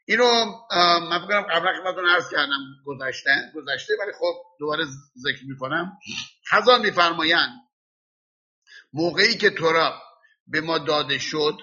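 A man teaching a religious lesson, explaining slowly and spelling out letters and sounds by example. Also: a little high, sharp tone, slightly rough, muffled recording. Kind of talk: classroom lesson.

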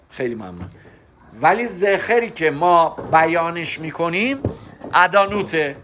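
A man with a somewhat high voice leads a religious lesson. He explains things patiently and step by step, pausing to stress the key terms. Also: fairly bright tone. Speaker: religious teacher.

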